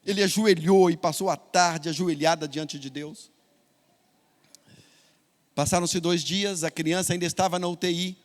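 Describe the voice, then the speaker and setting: A man's voice: a little high, steady tone, moderate pace, long pauses. A man with a Brazilian accent preaching a sermon, telling a story dramatically and emphatically in a church. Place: church sanctuary. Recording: long church hall reverb.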